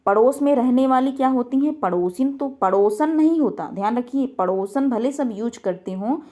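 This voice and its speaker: A woman teaching a grammar lesson, posing questions and answering them herself, repeating key words slowly. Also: sits high, mellow.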